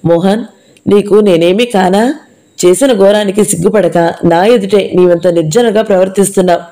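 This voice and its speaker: A proud young woman spits scorn and fury at a man, played by a woman reading the story. Her words are cutting, while her tone stays warm and mellow. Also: mid-range voice, moderate pace, close to an everyday voice. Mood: furious. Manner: scornful, sharp-tongued.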